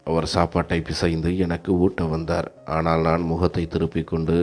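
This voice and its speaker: A man reading a first-person short story aloud in a steady, dramatic narration. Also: very deep voice, normal speed.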